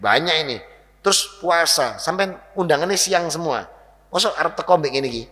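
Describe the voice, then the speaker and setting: A man preaching a lively, joking sermon in a mosque, often addressing his listeners directly. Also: a little high, moderate pace. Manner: lively, jokey, animated, addresses audience as Pak. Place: mosque hall. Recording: long hall reverb.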